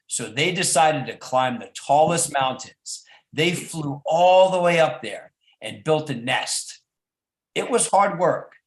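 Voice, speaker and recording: A man reading a children's story aloud as a storyteller, with an animated, coaxing manner. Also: medium pitch. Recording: echoey room.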